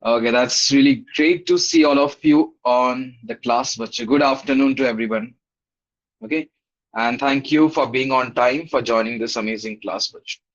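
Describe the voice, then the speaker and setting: A man's voice: mid-range voice, moderate pace. A man with an Indian accent teaching a live online class, greeting schoolchildren by name in an upbeat, encouraging, casual way. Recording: dull, lo-fi online class audio.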